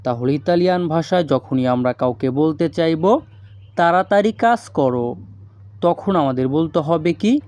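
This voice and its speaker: Slow, deliberate male language teacher. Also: a little high, lively intonation, a little mellow, dry recording. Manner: slow, deliberate delivery, repeating phrases word by word. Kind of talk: recorded language lesson.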